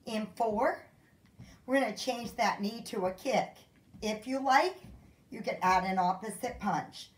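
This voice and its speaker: Woman fitness instructor, unhurried cueing, winded, encouraging, roomy echo. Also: medium pitch. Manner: upbeat, counts out moves, calls encouragement. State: out of breath. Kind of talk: workout class instruction. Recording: echoey room.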